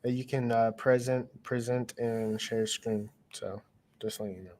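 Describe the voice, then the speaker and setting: A man's voice: medium pitch, fairly even intonation, normal speed, darkish tone. An American man hosting a casual livestream, joking and laughing often. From United States. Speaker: livestream host.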